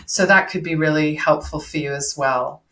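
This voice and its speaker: Low-voiced woman coach, measured and easygoing. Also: fairly bright tone. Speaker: voice and performance coach, guest. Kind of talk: casual interview.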